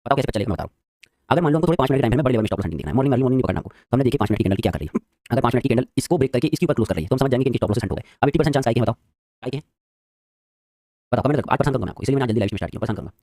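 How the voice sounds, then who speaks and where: Rapid-fire man teaching trading. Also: mid-range voice, expressive, mellow, dry recording, clean studio sound. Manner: rapid, quizzing the viewers. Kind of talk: live-streamed trading lesson.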